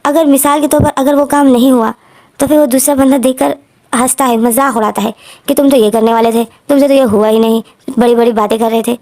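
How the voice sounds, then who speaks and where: A woman's voice: sits high, steady tone, a little fast, warm tone. A woman storyteller voicing a stern middle-aged father who lectures his son dismissively.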